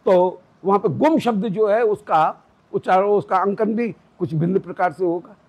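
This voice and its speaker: A man's voice: high-pitched, moderate pace, a little mellow, low-quality recording. A man giving a devotional scripture discourse, explaining Vedic pronunciation step by step. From South India roots. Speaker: religious teacher.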